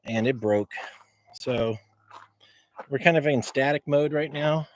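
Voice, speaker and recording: A man walking around outdoors on his property, casually showing things off to a handheld camera in a halting, rambling way that keeps repeating words. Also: mid-range voice, dry recording, poor audio. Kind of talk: casual rambling show-and-tell. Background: faint wind noise.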